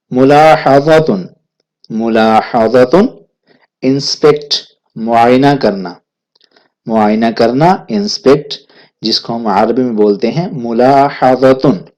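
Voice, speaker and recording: A man teaching a vocabulary lesson, saying each word twice, then its meaning, in a slow, deliberate way, with a Pakistani Urdu accent. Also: medium pitch, a little mellow. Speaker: language teacher. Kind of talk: vocabulary lesson, repeating words slowly.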